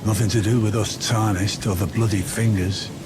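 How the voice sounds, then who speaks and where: Man acting pompous, low-voiced scholar of secrets, Gideon Ofnir. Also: fairly even intonation, natural voice. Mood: scornful. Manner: measured, theatrical, pompous. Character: scholarly, self-important male keeper of secret knowledge. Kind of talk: dark fantasy game voice acting. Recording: loud ambient music and rain throughout. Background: loud ambient music, rain, thunder.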